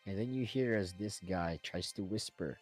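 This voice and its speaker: A man narrating a tabletop role-playing game as game master, in a slow, unhurried way. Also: sits low, darkish tone, faint music behind.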